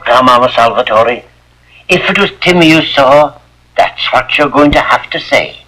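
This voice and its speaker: An actor playing a gentle, solemn parish priest who speaks in a measured, pious way, heard through the sound of a 1950s TV broadcast with a music bed. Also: male voice, mid-range voice, low-quality recording. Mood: earnest.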